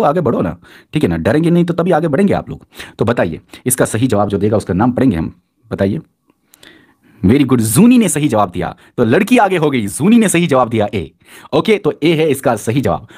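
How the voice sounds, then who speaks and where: A man's voice: medium pitch, breathy edge. A man teaching a live online quiz class, reading out student answers and cheering them on with repeated praise. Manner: energetic, encouraging, repeats praise.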